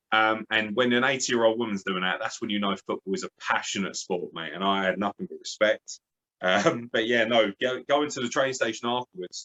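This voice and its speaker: A man's voice: on the low side, fairly bright tone, rough recording. A man telling football stories in a blunt, sweary, passionate way, as an interview guest. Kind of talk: casual storytelling interview.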